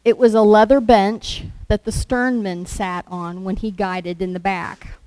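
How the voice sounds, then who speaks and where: A woman preaching a sermon, telling the story in a slow, conversational way and acting out quoted lines. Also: mid-range voice, level tone, a little mellow, clean tone, no room sound, low-quality recording.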